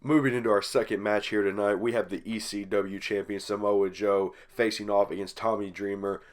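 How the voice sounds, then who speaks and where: A man's voice: fairly low pitch, steady tone, moderate pace. Stuffy-voiced man calling wrestling play-by-play. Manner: hype play-by-play caller, rising loud on big moves. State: stuffy nose from allergies. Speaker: channel host. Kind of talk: play-by-play commentary over a wrestling video game.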